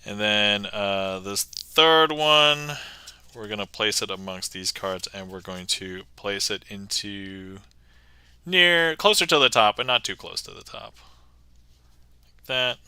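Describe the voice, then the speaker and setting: A man's voice: lowish voice, slow, sharp tone, clean tone, no echo, low-quality recording. A man doing casual magic patter on a livestream, chatty and laughing often as he talks through his card moves.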